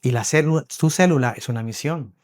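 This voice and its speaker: A man from Spain preaching a sermon, telling lively stories, acting out voices and often checking in with his listeners. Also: medium pitch, brisk, no echo, clean studio sound. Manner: animated storyteller, acts out voices, checks in with listeners. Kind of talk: sermon with storytelling. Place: church hall.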